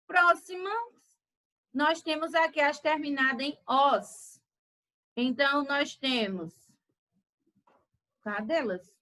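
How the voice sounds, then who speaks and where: Slow, bright-voiced teacher. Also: female voice, sits high, poor audio. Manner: slow, deliberate word-by-word dictation. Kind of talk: online grammar lesson.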